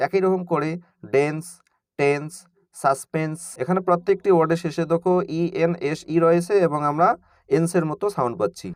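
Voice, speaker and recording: A man's voice: on the high side, dry recording, studio quality. A man teaching an online lesson, spelling words letter by letter and then pronouncing them, while speaking directly to his students. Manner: addresses students informally and directly. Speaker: English reading teacher.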